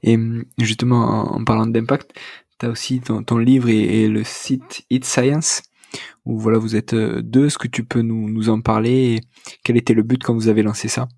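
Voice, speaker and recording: Man, podcast host, gravelly voice, dry sound, hesitant questions. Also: medium pitch, little pitch movement, moderate pace, darkish tone, dry recording. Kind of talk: casual podcast interview.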